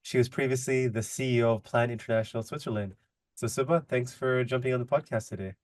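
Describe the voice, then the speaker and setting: A man's voice: mid-range voice, fast talker, no echo. A man hosting a podcast, with an easygoing, casual manner and lots of "like" and "kind of". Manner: easygoing, says "like" and "kind of" a lot. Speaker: podcast host. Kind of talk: casual interview talk.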